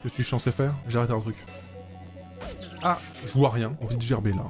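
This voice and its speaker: A man's voice: medium pitch, fairly quick. A man giving casual, joking gameplay commentary as a let's play host, swearing freely. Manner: animated, jokey, swears freely. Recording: loud game music behind.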